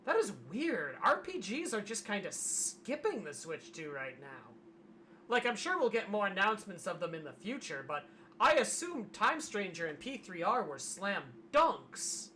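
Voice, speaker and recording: Hoarse streamer rambling on a livestream, wry little gripes, middle pitch, bit of faint noise. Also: very animated, normal speed, pushed and bright. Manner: wry, grumbling, reads aloud from a web page. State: losing voice, hoarse. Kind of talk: casual livestream commentary.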